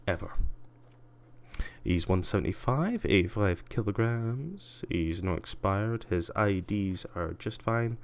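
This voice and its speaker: A man's voice: on the low side, animated, slow pace. A young man chatting casually and self-mockingly while he plays a game on stream, muttering to himself and to chat. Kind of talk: casual gameplay commentary.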